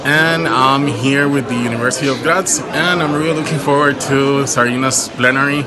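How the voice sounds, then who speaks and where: A man's voice: mid-range voice, steady tone, moderate pace, music in the background. A man, friendly and eager, at a conference. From Costa Rica. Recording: crowded conference hall.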